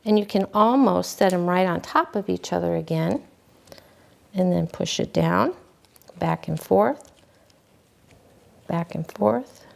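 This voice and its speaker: A woman's voice: lowish voice, slow, creaky, pauses often. Folksy woman teaching cake decorating. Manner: folksy, relaxed, talks while working. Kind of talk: hands-on demonstration.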